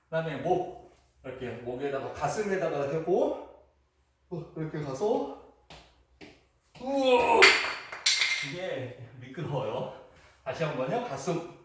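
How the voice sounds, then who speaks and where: Demonstrating a traditional Korean game, this man chats through the steps and acts them out, letting out frequent exclamations as he moves. His slightly high voice is animated and a little slow, and the footage is unedited, with faint noise in echoey audio from a distant camera.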